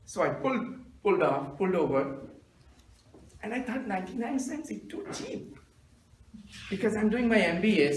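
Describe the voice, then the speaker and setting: A man, telling self-mocking jokes in a deadpan storytelling manner as a humorous club speaker. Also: on the high side, a little hiss or hum. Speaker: stand-up speaker. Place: meeting room with audience. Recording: echoey room from a distance.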